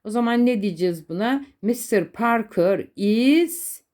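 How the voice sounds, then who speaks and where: This Turkish-accented English teacher has a somewhat high, expressive, slightly mellow voice. She covers simple adjectives, explaining in Turkish while stressing English examples slowly and more than once for her learners.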